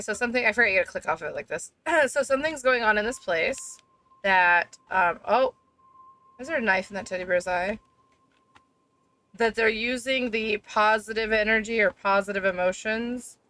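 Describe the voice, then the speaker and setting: A woman's voice: mid-range voice, pushed and bright, low-quality recording. A woman giving casual, exasperated and sarcastic commentary while she plays through a game. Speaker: gaming video host.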